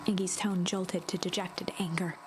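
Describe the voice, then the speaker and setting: A woman giving hushed scripted storybook narration for a game. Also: on the low side, level tone, moderate pace, noisy background, close to an everyday voice.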